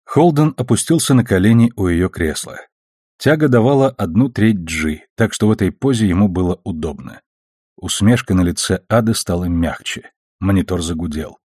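A male audiobook narrator with a low, husky voice. He reads in a steady, measured way. The recording is dry and close, with no room sound. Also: dry recording. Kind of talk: scripted narration.

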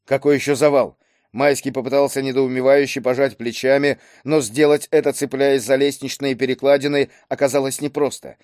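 Man, audiobook narration, measured, mid pitch, dry close sound. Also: little pitch movement, a little mellow, no echo.

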